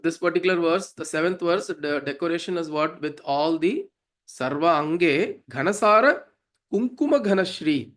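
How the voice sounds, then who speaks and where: A man with a South Indian accent explaining devotional verses as a teacher, in an informal, didactic way with frequent check-in questions. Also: on the high side. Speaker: teacher of Sanskrit devotional hymns.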